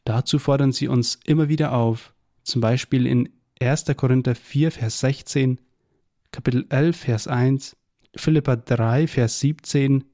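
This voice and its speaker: A man with a warm, mellow voice reads a devotional Bible tract aloud. His delivery is measured and earnest, weaving in scripture quotations at a middle pitch. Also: fairly even intonation. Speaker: preacher reading a tract.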